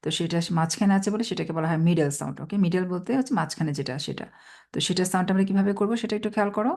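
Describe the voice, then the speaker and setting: A woman teaching children English phonics in a patient manner, saying each model word twice and louder than her talk. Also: on the low side, very fast.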